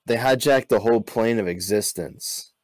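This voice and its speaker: A man telling deadpan one-liners in casual podcast chat and laughing at his own jokes. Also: on the low side, normal speed, no echo, poor audio. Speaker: podcast guest comedian.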